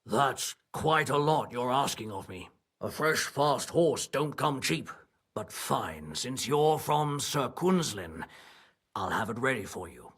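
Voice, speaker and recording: A male actor playing a wary, gruff medieval stableman in a video game, grudgingly helpful, with blunt, folksy rustic phrasing. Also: mid-range voice, very animated, slow, a bit bright, heavily acted. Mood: grudgingly cooperative.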